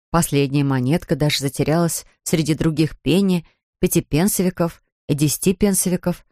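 Female storybook narrator, lower register, expressive, close dry booth. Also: dry recording. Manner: lively, expressive. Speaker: audiobook reader.

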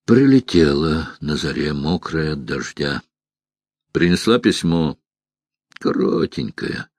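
A man reading the part of a proud, impulsive male sorcerer who speaks bitterly and shouts orders in an audiobook. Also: a bass voice, very animated, slow pace, husky, dry recording, heavily acted.

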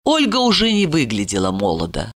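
A woman narrating an audiobook in an expressive, dramatic way. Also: rumbling low, brisk.

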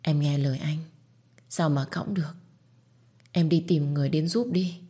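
A wounded young man voiced by a woman narrator stays calm and protective and gently insists. The voice sits low and steady, without strain. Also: moderate pace, breathy edge. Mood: calm insistent.

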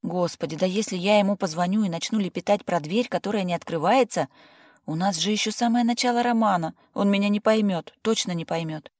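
A reader voicing a nervous young woman stuck behind her door, anxious and quick to snap back. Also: mid-range voice, a little mellow, dry recording, clean studio sound, pitched above the performer's own voice, close to an everyday voice. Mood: irritated. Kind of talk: audiobook character voice.

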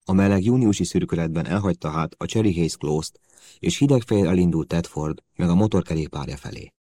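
Deep, dark-voiced male narrator. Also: no room sound. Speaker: audiobook narrator. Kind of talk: scripted narration.

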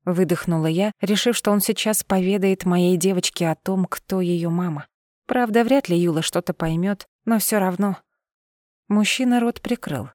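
A woman reading a first-person audiobook in a steady, expressive voice. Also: on the low side, moderate pace, dry recording, clean studio sound. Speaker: audiobook narrator.

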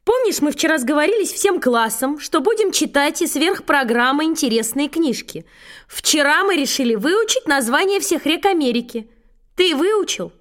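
A woman voicing a stern, impatient middle-aged schoolteacher who speaks low and strictly to a pupil. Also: lively intonation, normal speed. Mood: scolding. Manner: strict, lower and quieter than the narration.

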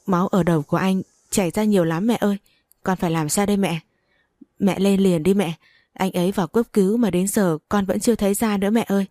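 A woman voicing a frantic young wife in a read-aloud story, pleading in quick, breathless bursts. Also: medium pitch, dark tone, no echo, clean studio sound, natural voice.

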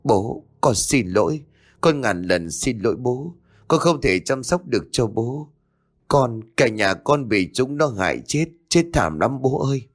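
A man voicing the ghost of a young man who weeps and pleads, reproaching his father in a raised, lively voice. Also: mid-range voice, unhurried, voice pushed up. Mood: pleading. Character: wronged ghost of a young man, wailing and bitter.

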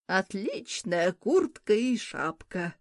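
A woman reading an audiobook, voicing a stern, suspicious old woman who grumbles slowly and disapprovingly. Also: mid-range voice, very animated, dry recording, studio quality. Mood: grumbling. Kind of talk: audiobook character voice.

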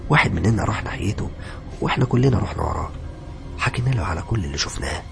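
A man's voice: low voice, creaky. A man with an Egyptian accent narrating a horror story in a dramatic way. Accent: Egyptian Arabic. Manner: rapid, dramatic telling.

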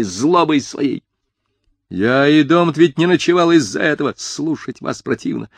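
A man voicing a sullen, rough young male prisoner who talks curtly and coarsely. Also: deep voice, a little mellow, dry recording. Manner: coarse, curt, drawn-out.

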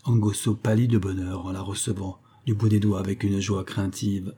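A man narrating a classic adventure novel aloud in a steady storybook style. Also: low-pitched, normal speed, husky. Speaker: audiobook reader.

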